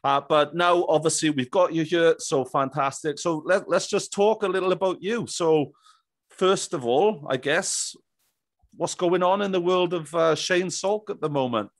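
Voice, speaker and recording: A man in his thirties hosts a casual podcast interview in a chummy, jovial way, speaking into a close boom-arm mic with headphones in a small indoor room. His voice sits on the high side at a moderate pace, and the sound is clean and studio-like with no echo.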